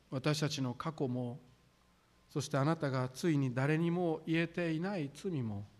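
牧師の男性が、丁寧な文末で、ゆっくりと厳かに説教している。. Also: male voice, mid-range voice, darkish tone. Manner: solemn, deliberate preaching with formal sentence endings. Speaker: pastor. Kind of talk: sermon.

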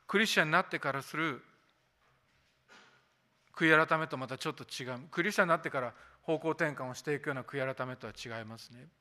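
Male pastor preaching, kinda high pitched, long echo tail like a big hall. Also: brisk, sharp tone. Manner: emphatic, repeats key points; asks the congregation rhetorical questions. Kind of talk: sermon.

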